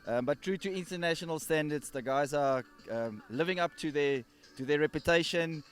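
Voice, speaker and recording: A man's voice: fairly high pitch, normal speed. A man, a tournament director, giving earnest interview answers and often restarting and repeating words. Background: faint music.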